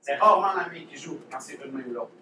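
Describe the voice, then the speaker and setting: Quebec French drum instructor in echoey room. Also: male voice, fairly high pitch, quick pace. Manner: casual, demonstrative, repeats key points. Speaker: drumline instructor. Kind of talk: teaching a workshop. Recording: echoey room, mic far off, noisy.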